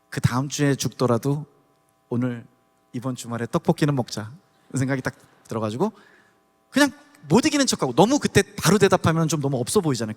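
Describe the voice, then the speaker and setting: A man from Daegu giving a testimony sermon at a church service, telling his story in an animated way and acting out the scenes. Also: a little high. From Daegu, South Korea. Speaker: guest preacher. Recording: long church hall reverb.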